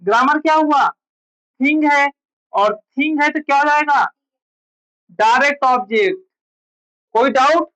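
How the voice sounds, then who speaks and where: Unhurried and pausing often, a woman gives a grammar lecture in which she keeps asking students questions and answering them herself. Her voice sits high and a bit bright, though the audio is poor.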